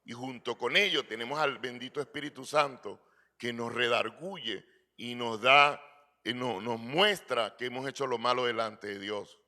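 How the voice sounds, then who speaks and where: Man, pastor, sermon, earnest, rhetorical questions, bright voice. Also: medium pitch, normal speed. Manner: earnest preaching, asks rhetorical questions and addresses listeners as brother.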